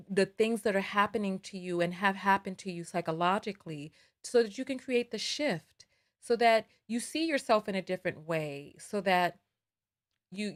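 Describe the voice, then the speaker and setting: A woman hosting a live call-in advice show, earnest and probing, pressing a caller with pointed questions. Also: mid-range voice. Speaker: host.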